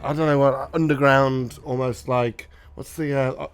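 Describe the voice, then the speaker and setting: A man, co-hosting a casual game chat, firing off quick questions. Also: medium pitch, fairly even intonation, clean tone. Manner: quick, asks lots of questions. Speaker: games journalist, co-host. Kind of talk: casual chat over gameplay footage.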